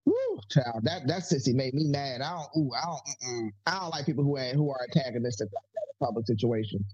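A man's voice: mid-range voice, fast talker, darkish tone, slightly rough, no room sound. A man co-hosting a casual chat, sassy and dramatic, swearing freely. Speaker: podcast co-host. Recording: dull lo-fi sound.

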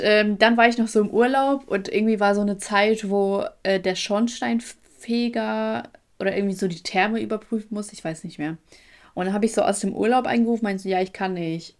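A young woman chatting casually on a podcast, telling an animated story in colloquial slang and acting out the other people's lines. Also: medium pitch. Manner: animated storyteller, acts out quoted dialogue. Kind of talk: casual chat.

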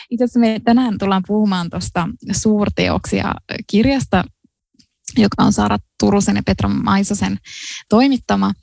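Woman cohost chatting about books, gravelly fry in her voice, dry close sound. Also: mid-range voice, a little mellow, no room sound. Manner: chatty and musing, with many fillers and laughs. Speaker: podcast co-host. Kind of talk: casual chat about books.

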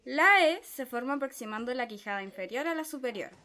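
Woman as a pedantic male tutor, methodical, slightly high voice, dramatic reading. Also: lively intonation, brisk, sharp tone. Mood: instructive. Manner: methodical, explanatory. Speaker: reader playing a tutor.

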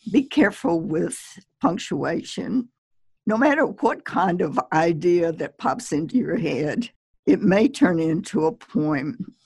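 A woman poet giving relaxed, measured advice as a podcast guest, chatty and laughing lightly. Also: on the low side, slightly rough, no room sound.

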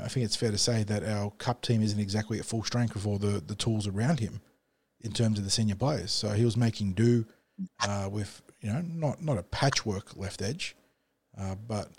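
A man co-hosting a podcast analyses a match casually, speaking in long, fluent stretches. His voice is fairly low and a little mellow.

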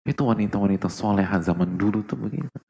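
Male preacher, low and gravelly, sermon delivery with hushed asides and loud peaks. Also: quick pace. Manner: rhetorical questions to the audience, swings between soft and loud. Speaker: Islamic preacher.

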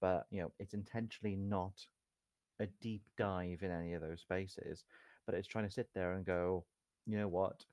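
A man guesting on a podcast, explaining standards in a measured, chatty way with caveats. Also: sits low, fairly even intonation, darkish tone, no echo. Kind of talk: casual explanatory chat.

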